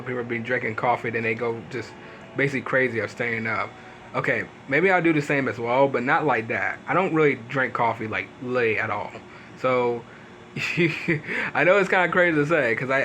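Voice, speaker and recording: A man talking through his game builds in a loose, rambling way, stacking up fillers and restarting his sentences. His pitch stays in a middle range but jumps up suddenly when he stresses a point. A faint noise sits under the voice. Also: fairly bright tone, rough recording. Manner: rambling, leans on "pretty much" fillers and restarts. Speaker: gaming video host. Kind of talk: casual gameplay commentary.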